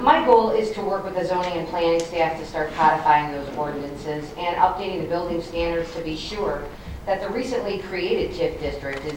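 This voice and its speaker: A woman with a low voice delivers a candidate's closing statement, plain-spoken and insistent. She is recorded at a distance in a very echoey hall, with clear background noise. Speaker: village board candidate. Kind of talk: prepared closing statement at a public forum.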